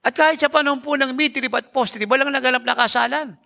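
A man preaching with a high, gravelly voice and a bright, forceful edge. He drives his sermon emphatically, firing rhetorical questions at the congregation and dropping English phrases into his talk. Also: fast talker. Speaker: pastor.

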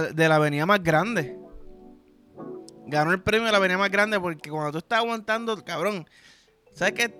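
A young podcast host with a Puerto Rican accent delivers a crude, rambling comedic monologue packed with slang. His voice is high-pitched, bright and forceful.

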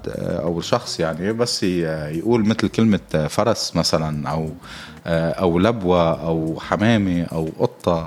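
Lebanese male host, low voice, fast, rambling comic monologue full of hesitations. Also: a little mellow. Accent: Lebanese Arabic. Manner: joking and rambling, with many halting fillers. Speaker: podcast host.

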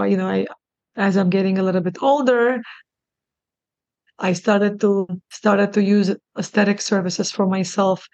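Flat, gravelly-voiced middle-aged woman guest. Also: mid-range voice, no echo, dull audio. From born in Russia, raised in New York. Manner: halting, many fillers and restarts, earnest. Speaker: guest, clinic CEO. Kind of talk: casual podcast interview.

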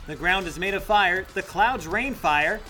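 A man's voice: sits high, measured pace, bright, forceful tone, soft background music. An actor playing an upbeat male sports announcer in a radio-style comedy drama. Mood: excited.

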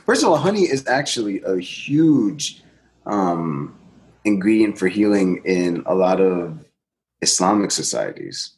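A man co-hosting a podcast, amused and animated, with lots of fillers. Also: sits low, unhurried. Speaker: podcast co-host. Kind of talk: casual discussion.

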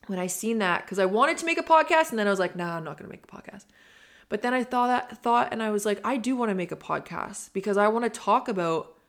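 A woman's voice: on the low side, a bit bright. A woman in her twenties hosting a solo podcast, talking in an earnest, reflective and rambling way with many fillers. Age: 20s. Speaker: podcast host. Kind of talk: casual solo podcast monologue.

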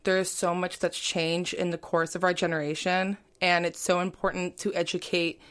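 A young woman with a smooth, clear voice pitched on the low side chats casually as a podcast guest. She talks in a loose, rambling way, leaning on "like" and "you know" as she goes. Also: little pitch movement, normal speed, fairly bright tone. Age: young adult. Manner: chatty, heavy on "like" and "you know". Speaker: guest, college student. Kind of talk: casual interview talk.

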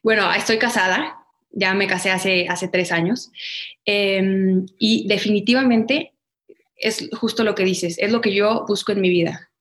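A woman's voice: mid-range voice, a little slow. A woman, a guest talking in a casual interview and acting out quotes as she tells her story. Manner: animated storyteller, acts out quotes. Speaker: guest, former pageant winner.

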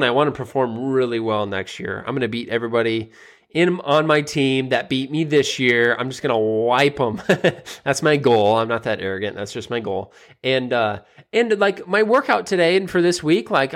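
Rambling male podcast host. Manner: rambling, with many fillers and restarts; grows more emphatic and pitch rises toward the end. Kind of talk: casual motivational monologue.

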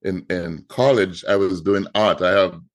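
Unhurried and low, with fairly even intonation, this middle-aged Trinidadian man narrates his story as a guest artist on a podcast interview. He's from Trinidad and Tobago and often repeats words along the way.

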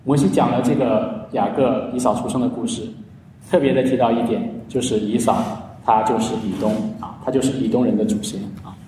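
A man's voice: mid-range voice, steady tone, brisk, warm tone, a little hiss or hum. A man preaching a sermon in earnest storytelling style, often stretching his sentence endings. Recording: echoey hall, heard from a distance.

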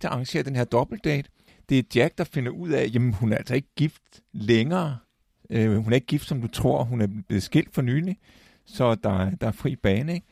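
A man with a gravelly voice in a casual film talk, halting with restarts and fillers as he retells scenes. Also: medium pitch, a little mellow, no echo, clean studio sound.

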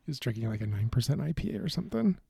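A man co-hosting a podcast in casual beer-tasting chat, relaxed and hesitant, with many fillers and restarts. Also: medium pitch, very fast, vocal fry, slightly rough, no echo, studio quality. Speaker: podcast co-host.

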